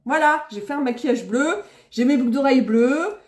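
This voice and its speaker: A woman's voice: high-pitched, brisk, a little mellow. A woman from the Paris region chatting live with her followers while doing her makeup, bubbly and exclamatory, laughing often. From Seine-et-Marne, France. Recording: echoey room.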